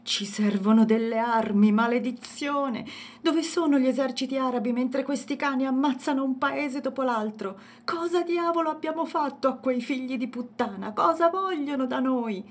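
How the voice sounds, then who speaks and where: A woman voicing an angry old village patriarch who roars and curses in loud outbursts in a storybook reading. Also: high voice, normal speed, husky, pitched above the performer's own voice. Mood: furious. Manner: roaring, cursing outbursts.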